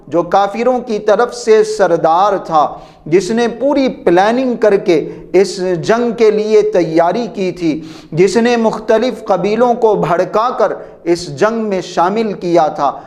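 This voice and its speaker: A man with a high voice tells a devotional history lesson. His delivery is reverent and steady, and he adds honorifics after every holy name. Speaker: religious history narrator.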